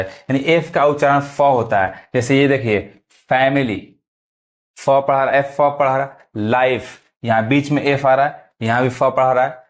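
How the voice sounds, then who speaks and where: Repetitive Hindi-speaking male English teacher. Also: mid-range voice. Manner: repetitive, keeps asking if students understand. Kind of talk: video lesson on English pronunciation.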